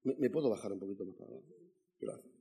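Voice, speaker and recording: A man preaching as a guest in a church, telling his testimony in an animated way and calling out "amen" to the congregation. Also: fairly low pitch, fast, breathy edge. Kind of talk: sermon with personal testimony.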